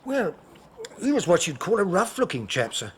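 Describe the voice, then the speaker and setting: In an audio drama, an actor plays a deferential, helpful working-class English hotel porter who sounds obliging and speaks in a homely, colloquial way. The male voice is high and sing-song at normal speed, with faint music behind it.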